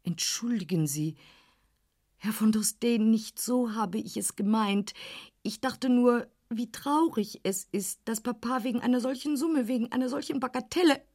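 Eine Frau liest einen Roman in der Ich-Form, als lebhaften, aufgewühlten inneren Monolog, nah am Mikrofon. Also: female voice, fairly high pitch. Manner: lively, agitated inner monologue, quick shifts between whisper and urgency. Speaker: audiobook reader. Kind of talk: literary first-person reading.

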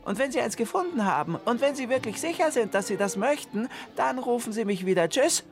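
Brief: shrill exasperated genie in a children's radio story, high and curt. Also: male voice, expressive, brisk, background noise. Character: impatient eye-rolling male genie from a vase.

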